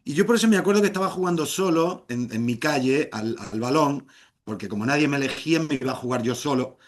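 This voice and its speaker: A middle-aged man telling a humorous story live, playful and theatrical, with shouted exclamations. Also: mid-range voice, fast.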